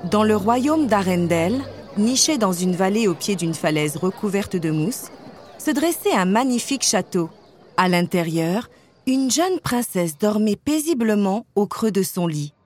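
A woman reads a children's storybook aloud in a gentle, measured way. Her pitch sits in the middle range, and soft music plays quietly underneath. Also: lively intonation.

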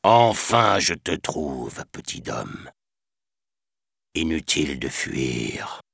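A man voicing a sly, gloating male tiger in a storybook reading, speaking slowly in a soft, hushed voice. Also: a bass voice, sing-song, creaky, slightly rough, no echo, clean studio sound, full character voice. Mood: menacing. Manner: slow and gloating, drops into a whisper. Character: grumbling old male tiger, menacing and sly. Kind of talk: storybook narration.

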